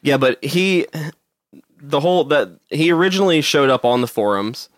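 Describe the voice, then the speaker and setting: A man's voice: fairly high pitch, animated, moderate pace, no echo. A young man co-hosting a podcast in casual chat, rambling with many fillers and laughing often. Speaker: podcast co-host.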